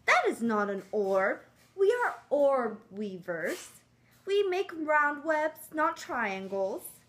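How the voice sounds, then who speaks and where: Woman reading to young children as disapproving spider siblings, slow. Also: sits high, very animated, a bit bright, full character voice. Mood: disapproving, firm. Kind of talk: reading a picture book aloud to young children.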